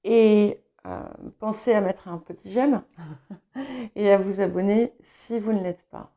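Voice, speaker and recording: A woman giving a spoken tarot reading, hesitant and filling pauses as she talks. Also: medium pitch, warm tone, highs cut off. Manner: hesitant, many fillers and restarts. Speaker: tarot reader. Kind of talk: casual spoken tarot guidance.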